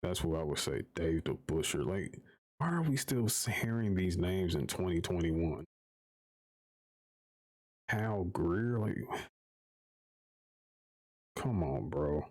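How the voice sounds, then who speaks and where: A man's voice: low voice, expressive, takes it slowly, pauses often, darkish tone. A man streaming live, ranting casually with profanity and exasperated repetition. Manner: profane, exasperated, repeats himself while arguing.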